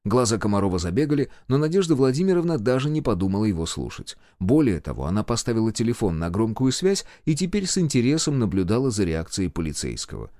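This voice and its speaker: Male audiobook narrator, animated, dry close read. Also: lowish voice, fast talker, hardly any pauses, dry recording. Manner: expressive storytelling. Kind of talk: first-person audiobook narration.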